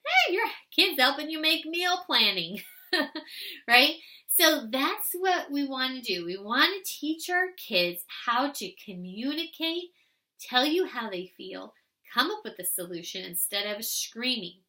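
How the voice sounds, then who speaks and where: A woman giving parenting advice in an animated way, asking rhetorical questions and acting out parent and child. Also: sits high, slow. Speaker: parenting educator.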